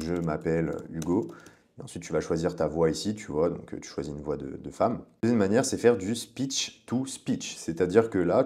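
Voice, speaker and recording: A man's voice: deep voice, warm tone. A man giving a casual, chatty tutorial as a coach, speaking directly to the viewer. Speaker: online business coach.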